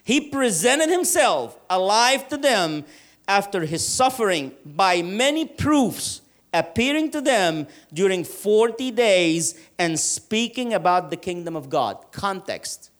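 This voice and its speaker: A man's voice: sits high, sing-song, fairly bright tone. Man preaching a sermon. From Egypt. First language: Arabic. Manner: earnest, emphatic with slow drawn-out stresses. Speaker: pastor.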